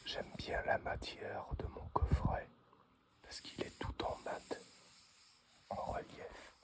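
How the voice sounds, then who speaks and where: A man presenting an unboxing in breathy, whispered ASMR, close as if right in your ear, in short halting phrases. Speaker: unboxing video host.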